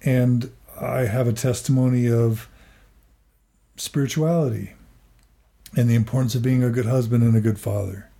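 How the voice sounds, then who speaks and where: 40s guy, therapist type, earnest and halting, lots of restarts, warm mellow voice. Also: mid-range voice, fairly even intonation, creaky. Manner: earnest, halting, many restarts and repeated words. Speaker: therapist and podcaster. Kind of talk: personal reflective interview.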